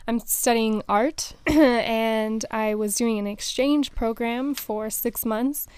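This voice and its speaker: A woman's voice: on the high side, takes it slowly, a little mellow, smooth, dry recording. A young woman from the United States, a podcast guest joking crudely and giggling. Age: young adult. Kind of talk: casual podcast chat.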